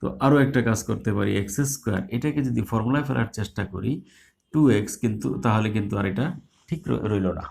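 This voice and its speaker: Male math tutor, low gravelly voice, patient step-by-step explainer. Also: quick pace, a little mellow. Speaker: math teacher. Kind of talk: live online math lesson.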